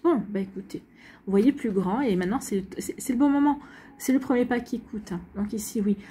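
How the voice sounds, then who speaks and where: Breathy French woman giving a casual reading. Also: fairly high pitch, a little fast, mellow. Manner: rambling, many restarts and fillers, reassuring. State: hiccups. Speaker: astrology and tarot reader. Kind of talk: casual spoken reading to viewers.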